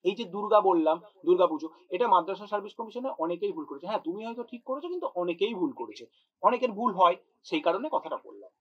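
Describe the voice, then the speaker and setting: A man's voice: high voice, big pitch swings, rapid-fire, muffled recording. A man teaching a spoken grammar lesson, patient and repeating his points, addressing students directly and sounding out words to show pronunciation. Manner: patient, repeats points to drive them home. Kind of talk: spoken exam-prep lesson.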